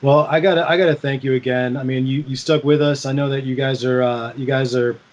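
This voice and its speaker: A man's voice: medium pitch, steady tone. A man hosting a fight podcast, asking casual questions with many fillers and restarts. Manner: halting, filler-heavy questions. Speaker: podcast host.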